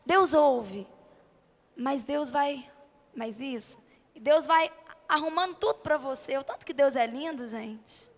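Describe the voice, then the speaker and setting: At a church event, a Brazilian woman preacher addresses the congregation in an unhurried, high-pitched voice. Her sermon is emphatic and impassioned, driven by rhetorical questions and repeated short phrases, and the hall amplification is reverberant.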